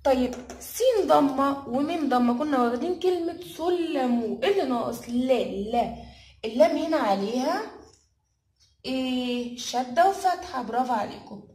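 A woman's voice: high voice, lively intonation, moderate pace, darkish tone, echoey room. A woman with an Egyptian accent, a kindergarten teacher giving a review lesson, drawing out words in a sing-song way for young children. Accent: Egyptian Arabic.

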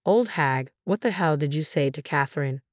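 A woman voicing an angry, abusive grown son who curses and shouts. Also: low-pitched, expressive, normal speed, no room sound, studio quality. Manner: cursing, shouting.

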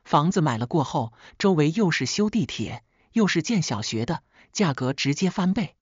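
A woman's voice: sits low, sing-song, normal speed, husky, dry recording. A woman narrating a family drama in the first person, dramatic and emotional. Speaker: storyteller. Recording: slightly dull, dry lo-fi recording.

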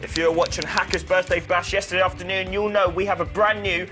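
A man's voice: high-pitched, fairly even intonation, quick pace, over music. A man presenting live children's television, bantering in a playful, mock-boastful way. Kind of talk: live kids' TV presentation link.

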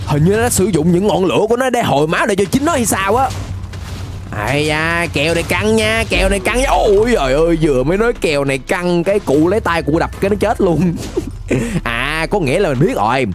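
A woman giving excited, playful Minecraft gameplay commentary, laughing often and rapidly repeating words. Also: fairly low pitch, faint music behind. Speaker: gaming channel host.

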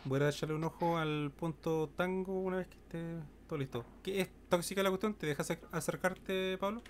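A man's voice: a little high, fairly quick, slight background noise. A man with a Chilean accent giving tactical orders as squad leader in casual online game chat.

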